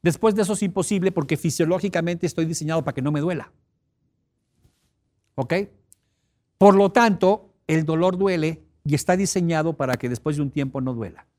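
A man's voice: a little high, brisk, a little mellow. A man with a Mexican accent giving a motivational seminar, speaking emphatically and asking the audience questions. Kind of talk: seminar talk.

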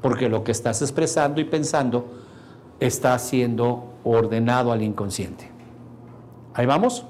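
A man's voice: medium pitch, measured pace, slight background noise. A man teaching a seminar on neuro-linguistic programming, talking to the audience with jokey asides and acting out quoted lines. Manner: animated, acts out quoted computer dialogue, jokey asides to the audience. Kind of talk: live seminar lecture.

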